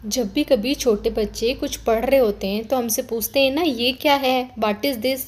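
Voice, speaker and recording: A young woman teaching everyday English phrases for parents, explaining in Hindi and slowly repeating each English phrase. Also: a little high, fairly even intonation, a little mellow. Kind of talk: scripted lesson.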